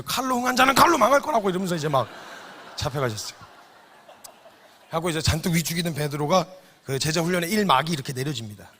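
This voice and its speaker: A man preaching a sermon as a missionary, telling a Bible story in a lively comic way and acting out the characters. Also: high voice, slightly rough, in a large hall.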